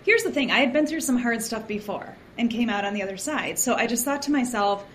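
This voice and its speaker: Woman, podcast guest, fairly high voice, chatty, animated, lots of fillers. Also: fairly quick, a little hiss or hum. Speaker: podcast guest, founder of a moms community. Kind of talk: casual podcast conversation.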